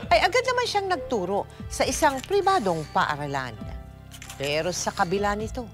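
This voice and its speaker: A woman reading scripted narration for a dramatized life story. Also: medium pitch.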